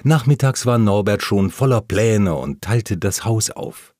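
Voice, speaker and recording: A man reading a first-person memoir aloud, telling the story calmly and plainly while voicing the quoted lines. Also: on the low side, a little slow, no echo, clean studio sound. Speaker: audiobook narrator.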